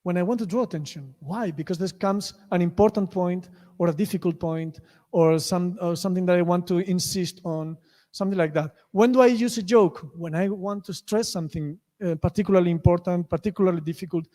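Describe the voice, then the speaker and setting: A man's voice: high voice, a little fast. A man with a Spanish accent, a native Spanish speaker, giving a conference lecture with many restarts and self-corrections. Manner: many restarts, acts out story lines loudly. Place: lecture hall. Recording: reverberant lecture hall.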